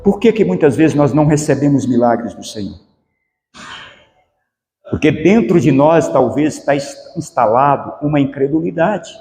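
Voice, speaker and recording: A man's voice: a little high, animated, moderate pace, mellow, soft background music. A man preaching a sermon as pastor, asking the congregation rhetorical questions. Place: church. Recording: echoey church hall with long reverb.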